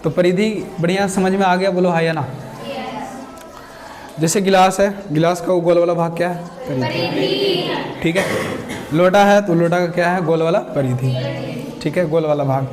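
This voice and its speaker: A man's voice: high voice, fairly even intonation, normal speed, pauses often, a little mellow. A man teaching a math lesson, who asks his students questions, answers them himself, and repeats each key term. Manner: everyday village examples, dictates notes. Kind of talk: classroom lecture, explaining with questions.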